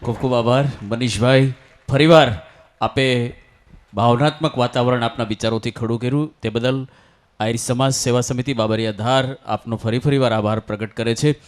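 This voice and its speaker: Smooth-voiced male emcee, formal. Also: mid-range voice, steady tone, moderate pace. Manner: polite and ceremonious. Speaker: event emcee. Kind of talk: formal stage announcing.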